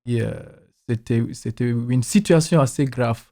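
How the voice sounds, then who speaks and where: Pasteur à l'ghanéen, voix douce. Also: male voice, mid-range voice, measured pace, mellow. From Ghana. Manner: simple, careful phrasing. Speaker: pastor.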